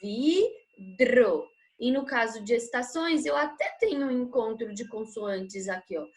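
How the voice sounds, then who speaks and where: A woman's voice: a little high, normal speed. A woman teaching a grammar lesson, patiently explaining and checking in with short tag questions.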